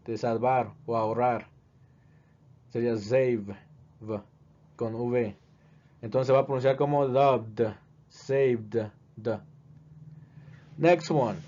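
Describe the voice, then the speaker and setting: A man teaching in a video lesson, speaking slowly and deliberately and repeating each word as a drill. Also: mid-range voice, mellow. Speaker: English teacher. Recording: dull, lo-fi recording.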